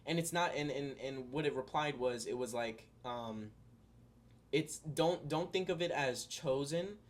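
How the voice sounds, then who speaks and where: Speaking at a measured pace in a medium-pitched voice, a young man vlogs casually to his audience, with a little hiss or hum in the recording. He wanders through earnest spiritual thoughts, often using fillers and starting over.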